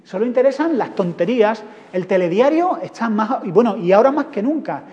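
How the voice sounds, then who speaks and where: A man with a Spanish accent from Spain addresses an audience in a lively, wry talk full of rhetorical questions. His voice rings through a big hall with a long echo, and the sound is dull and muffled. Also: high-pitched, a little fast.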